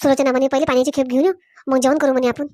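A woman's voice: high voice, level tone, very fast, a little mellow, dry recording, clean studio sound. A woman performing a village comedy sketch, switching between several characters in rustic dialect.

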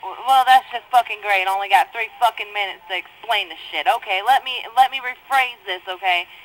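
A woman inmate with a mid-range, slightly bright voice speaks fairly quickly on a jail telephone, angrily swearing and talking over her mother about her court case. The rough recording has a little hiss or hum.

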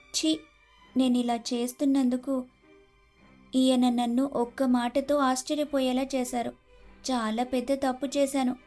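Woman playing a suspicious young daughter-in-law, high voice, super dramatic, faint music. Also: mellow, lightly acted. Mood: remorseful. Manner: accusing, melodramatic. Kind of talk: animated storybook voice acting.

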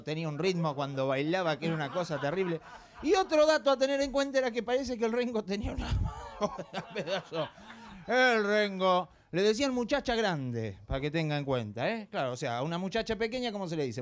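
Argentine male comic, high lively voice, jumps into squeaky character voices. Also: fairly quick. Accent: Argentine Rioplatense. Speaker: comedian telling jokes. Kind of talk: stand-up joke telling on TV. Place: TV studio.

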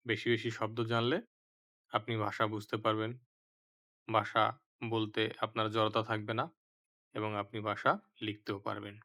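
A man teaching vocabulary, saying each word twice with careful, clear pronunciation. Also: on the low side, monotone, moderate pace, long pauses, bright, forceful tone. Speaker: language teacher. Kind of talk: slow vocabulary lesson.

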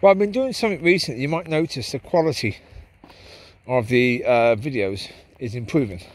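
Walking his dogs through a park at night, a vlogger talks fairly quickly in a medium-pitched voice. He films himself on a handheld camera as he goes, and his casual walk-and-talk rambles in a reflective way.

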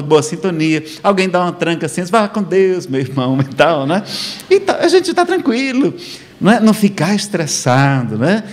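Brazilian male lecturer, slightly high voice, wide swinging intonation, chatty preaching style that checks in with the room. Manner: rhetorical questions, frequent "não é?" tags; lively, conversational preaching with humor. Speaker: spiritist lecturer. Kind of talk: spiritual lecture to a live audience. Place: lecture hall before an audience.

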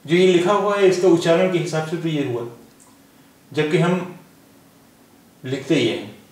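A man's voice: on the high side, expressive, measured pace, a little mellow, echoey room. A man with a Lucknow Hindi-Urdu accent teaching a language lesson, patiently repeating sounds to demonstrate them. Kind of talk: slow spoken lesson.

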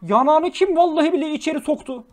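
A young man streaming live, reacting to clips with loud exclamations, mock scolding and swearing. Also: very high-pitched, fast talker, music in the background.

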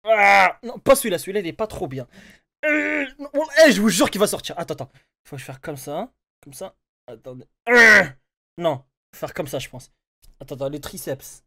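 A young man doing reaction video commentary, excitable and mocking, laughing often as he talks. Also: high voice, normal speed, gravelly, no room sound. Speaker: YouTuber reacting to a music video.

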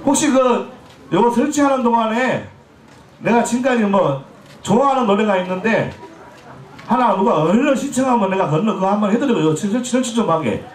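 A man's voice: high-pitched, expressive, brisk. A man in his forties from Jeolla, a pumba street performer joking and teasing the crowd on an outdoor festival stage, his throat a bit scratchy. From Jeolla, Korea. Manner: joking, teasing, chatty with the audience. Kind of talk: comic stage banter with the crowd. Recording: echoey festival PA sound.

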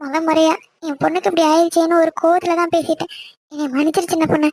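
A woman voices a nervous mother in an animated series. Her voice is very high and fast, with a flat, level delivery that keeps pleading. The sound is close and dry. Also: dry recording. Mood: apologetic. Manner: pleading and apologetic. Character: worried middle-aged village mother, timid of her husband. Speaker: cartoon voice. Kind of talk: Tamil cartoon voice acting.

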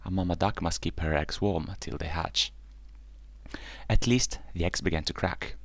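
A man reading a children's bedtime story aloud in a gentle, unhurried way. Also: low voice, creaky, dry recording.

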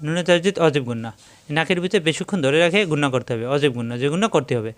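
A man gives a step-by-step Quran recitation lesson, sounding out syllables one at a time in a slow, drilling way. His voice is smooth and clear, a little higher than most men's. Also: animated.

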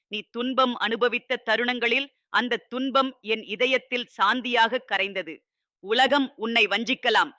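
A man voicing a loving fatherly god who speaks to his child in a scripted devotional address, solemn and tender, with steady repetitive reassurances. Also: very high voice, no echo, studio quality, heavily acted.

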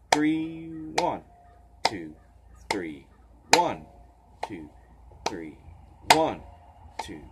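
A man teaching a clawhammer banjo lesson, a little tired, counting beats aloud in a relaxed, casual way. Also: on the low side, heavy background noise. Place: porch. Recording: banjo playing behind.

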